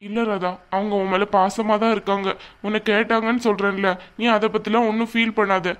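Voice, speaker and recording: A woman's voice: medium pitch, level tone, brisk, smooth, close to an everyday voice. A woman voicing a remorseful young husband who apologizes and soothes in a cartoon. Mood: apologetic. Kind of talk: cartoon voice acting.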